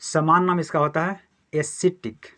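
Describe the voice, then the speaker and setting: A man's voice: fairly high pitch, level tone, measured pace, pushed and bright. A male chemistry teacher lecturing a class, who keeps asking questions and answering them himself and repeats the key terms again and again.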